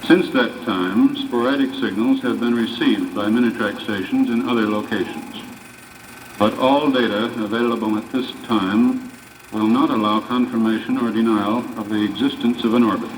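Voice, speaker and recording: A man giving a formal announcement in a measured, official reading, heard as old newsreel archive sound. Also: mid-range voice, fairly even intonation. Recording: distant, hissy 1950s newsreel recording.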